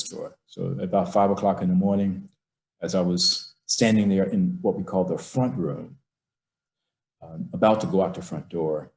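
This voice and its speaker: A middle-aged man with a fairly low voice tells a family memory at a slow, emphatic pace, acting out the lines of the people in it. He speaks from his office, and the sound carries a noticeable room echo. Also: darkish tone. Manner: slow, emphatic storyteller who acts out his father's words. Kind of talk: personal storytelling.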